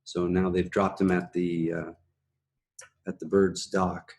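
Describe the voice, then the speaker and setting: A man hosting a conversational TV recap, explaining things in a halting way. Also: deep voice, level tone, vocal fry, a little mellow, a little hiss or hum. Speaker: host of a TV recap show. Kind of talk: conversational episode analysis.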